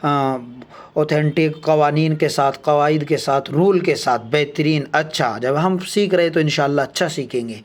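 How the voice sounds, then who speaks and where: Man slowly teaching the alphabet. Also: fairly high pitch. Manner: slow, deliberate letter-by-letter recitation with explanations. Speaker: Urdu teacher. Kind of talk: alphabet lesson.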